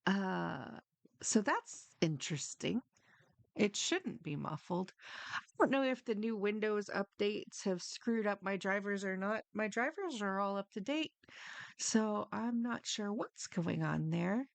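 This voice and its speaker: Female game streamer, friendly and flustered, casual unhurried chat, some vocal fry, close and slightly muffled dry mic. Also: medium pitch, lively intonation, dry recording. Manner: friendly, apologetic, flustered rambling. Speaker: live game streamer, host. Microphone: microphone a few inches away.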